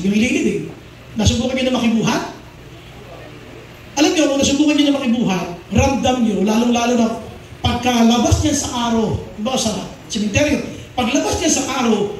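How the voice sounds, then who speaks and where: A pastor preaching a sermon in a mix of Tagalog and English, who often asks the congregation questions and repeats key phrases. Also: high-pitched. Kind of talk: Taglish sermon. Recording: very echoey hall, mic far off.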